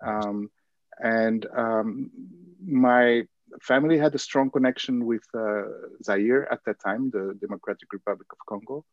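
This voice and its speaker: A Belgian man, the guest in an interview, talks about his upbringing at a measured pace in a medium-pitched voice, hesitating often with many fillers and restarts. The recording is dry, dull and lo-fi, with no room sound.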